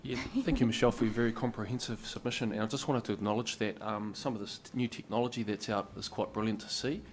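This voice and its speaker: A New man councillor gives a quick, polite comment at a council hearing. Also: lowish voice, fairly even intonation, crowd noise. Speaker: city councillor.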